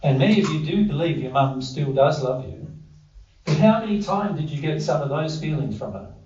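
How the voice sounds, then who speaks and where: Speaking briskly and expressively, this Australian man has a fairly high, darkish voice as he teaches spirituality informally to a small living-room group, conversing and repeating what they answer. A little hiss or hum sits under the audio, which sounds dull and echoey from far away.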